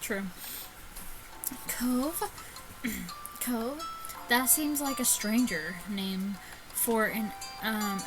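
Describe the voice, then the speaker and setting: This gaming YouTuber's voice is a little high, and the recording is low quality with music behind it. She reads a visual novel aloud in giggly, sweary let's play commentary, stumbling over the text.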